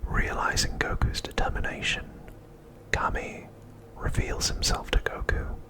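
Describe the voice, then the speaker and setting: In a rough recording, a man hosting an ASMR channel whispers summaries aloud, his voice soft, steady and unvoiced. The delivery is slow and deliberate, with pauses left between phrases.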